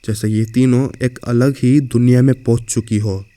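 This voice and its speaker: Dark-voiced man telling a horror story. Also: medium pitch, steady tone, normal speed, no room sound. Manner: casual, addresses the listener directly.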